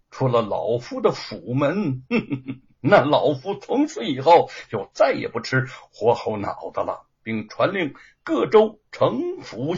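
A man's voice: mid-range voice, vocal fry, husky, full character voice. A man voicing a cruel, sneering old male official who mocks with laughter. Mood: scheming. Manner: gloating, mocking laughter. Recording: dull lo-fi recording.

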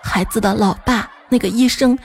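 A woman's voice: on the high side, normal speed, breathy edge. A woman hosting a comedy segment, telling jokes in a playful, teasing way. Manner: playful, teasing, often laughing. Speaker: comedy host.

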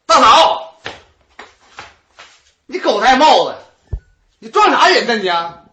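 A man's voice: very high-pitched, sing-song, takes it slowly, bright, forceful tone, exaggerated voice. A man playing a stubborn, crude younger brother-in-law with a Northeastern Mandarin accent, taunting and quarrelsome. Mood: defiant. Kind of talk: comic stage folk opera dialogue. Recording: echoey stage sound.

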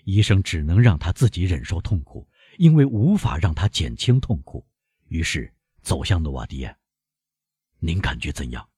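A male narrator reading a classic novel aloud with dramatic expression. His voice is low and strongly husky, swinging widely in pitch, and it comes through a dry, close recording. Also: big pitch swings, moderate pace, mellow, dry recording. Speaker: audiobook narrator.

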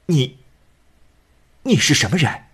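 A man's voice: medium pitch, very animated, slow, fairly bright tone, breathy edge, voice pushed up, heavily acted. A man voicing a lonely young man who speaks in a choked, emotional way. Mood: astonished.

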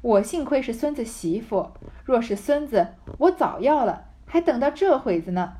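A woman reading the lines of a quick-tongued young married woman who flatters and jokes. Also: on the high side, natural voice. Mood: playful.

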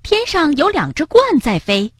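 A woman voicing an eager, cheerful little rabbit in a children's story, talking in a high, bouncy way. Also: wildly swooping pitch, measured pace, a bit bright, dry recording, clean studio sound, heavily acted. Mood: excited.

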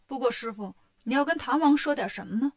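A woman's voice: sits high, animated, quick pace. A woman doing a cocky monkey king, brash, teasing, storybook voice. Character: boastful, cheeky male monkey king.

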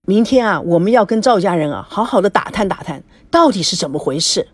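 A woman voicing a stern, wealthy middle-aged businessman father who lectures his family, with a breathy voice and lively pitch. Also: moderate pace, dry recording.

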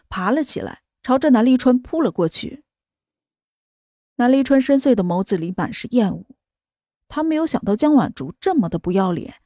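Female audiobook narrator, warm and high, dry studio sound. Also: no echo. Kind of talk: scripted romance narration.

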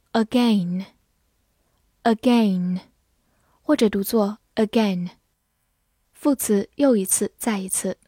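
A woman teaching English vocabulary to learners, saying each English word slowly twice and then reading its meanings. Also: fairly high pitch, darkish tone, slightly rough, no echo, studio quality. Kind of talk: vocabulary lesson.

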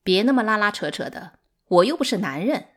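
A woman voicing a spiteful, sharp-tongued concubine who shouts insults in an audiobook. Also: medium pitch, lively intonation, fairly quick, lightly acted. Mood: scornful. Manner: loud, harsh, scornful.

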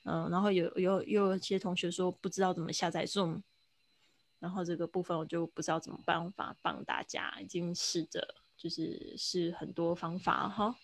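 Gravelly-voiced woman teaching English online. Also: on the low side, flat delivery, moderate pace, dry recording. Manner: patient, coaching pronunciation with laughs. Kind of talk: online live English lesson. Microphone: computer mic on a video call.

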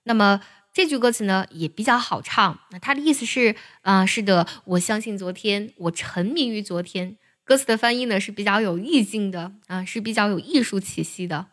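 A woman teaching how to sing an English song, speaking in a patient, measured way with soft particles at the ends of her phrases. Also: medium pitch. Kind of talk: explaining lyrics and singing technique.

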